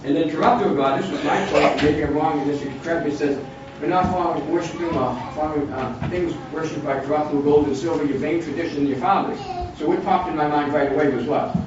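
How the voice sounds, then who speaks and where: Older man in his sixties, Bible study leader, rambling delivery, slightly high voice, recorded from far off in a very echoey room. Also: fairly even intonation, quick pace. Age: 60s. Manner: rambling, with frequent restarts and asides. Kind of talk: informal Bible study talk. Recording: distant, dull, noisy room recording.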